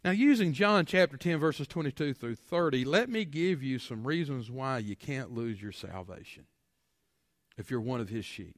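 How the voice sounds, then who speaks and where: A man's voice: medium pitch, expressive, moderate pace, no room sound, clean studio sound, big-room sound. A man preaching a sermon to his congregation, folksy, full of rhetorical questions and repeated words. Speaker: pastor. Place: church sanctuary.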